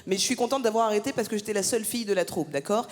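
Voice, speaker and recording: A French woman does a stand-up comedy set on a theatre stage, teasing the audience with punchy banter in a mid-range voice at a racing pace. It was recorded at a live gala, with long reverb from the hall.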